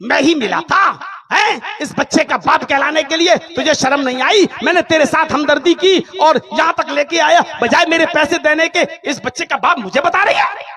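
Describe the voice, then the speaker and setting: A man playing an indignant taxi driver who scolds and protests loudly. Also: very high-pitched, lively intonation, normal speed, exaggerated voice. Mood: furious. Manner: scolding, exasperated outbursts. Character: indignant hot-tempered male taxi driver.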